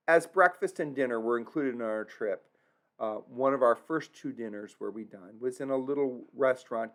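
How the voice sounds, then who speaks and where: With a mid-range voice and noticeable vocal fry, a travel vlogger talks viewers through a tour. His narration is earnest and thoughtful, though he sometimes stumbles on German place names.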